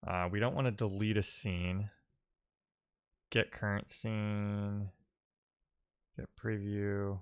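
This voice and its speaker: Coding live for viewers, a man speaks in a relaxed, hesitant way, voicing his thoughts and mumbling while he works. His pitch is fairly low, his delivery flat, and his voice smooth.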